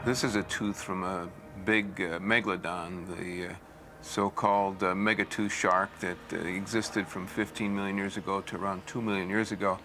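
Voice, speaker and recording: A man explaining as an expert in a documentary interview, hesitant and measured. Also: low-pitched, steady tone. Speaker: shark fossil expert. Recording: faint background ambient noise.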